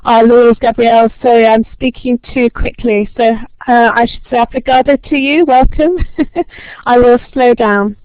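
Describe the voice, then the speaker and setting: A woman who talks quickly, with frequent ums, presents a lecture-style webinar and welcomes a large online audience. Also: on the high side, steady tone, no room sound. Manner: fast-talking, friendly, many ums. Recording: tinny phone-line sound, dry.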